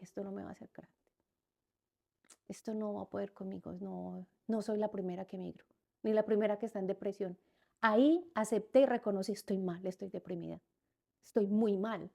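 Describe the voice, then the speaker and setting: Mellow-voiced woman telling her story. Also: medium pitch. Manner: repeats words and phrases as she recounts events; acts out quoted speech within her story. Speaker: podcast guest. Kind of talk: personal storytelling in a podcast conversation.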